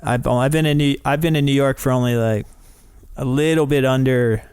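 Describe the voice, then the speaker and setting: A podcast host from North Carolina chats casually in an interview, friendly and upbeat with lots of fillers. His medium-pitched voice is steady, smooth, and a little mellow at normal speed. The sound is dry and close with no echo, and faint music plays behind him.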